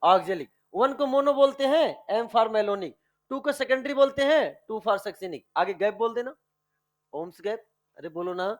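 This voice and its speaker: A high-voiced chemistry teacher with lively intonation quizzes his class, including online students, during a lecture. He repeats questions, draws out key words, and affectionately calls the students dear children.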